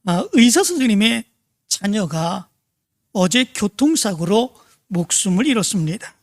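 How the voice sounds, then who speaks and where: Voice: mid-range voice, sing-song, measured pace, no room sound, clean studio sound. A preacher as a sober, explaining nurse.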